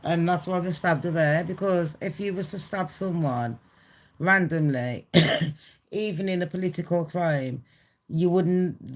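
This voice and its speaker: A woman hosting a live celebrity gossip stream, casual, blunt and sweary, talking straight to her viewers. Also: low voice. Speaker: gossip channel host.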